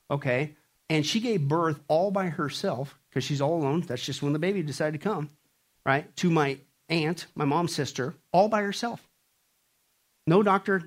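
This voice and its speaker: Animated preacher man with a high voice. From Kansas. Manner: animated, swings from shouting peaks to hushed asides; conversational, asks the audience rhetorical questions. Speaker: pastor. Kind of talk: sermon.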